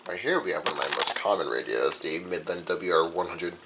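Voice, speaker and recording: In a room with some background noise, a young radio collector casually walks through his collection, wandering from item to item. He talks briskly in a low-pitched voice.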